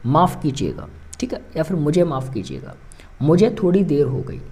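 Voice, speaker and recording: A man teaching English phrases in Hindi, saying each phrase slowly and more than once, with frequent check-ins to his viewers. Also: on the high side, sing-song, warm tone, breathy edge.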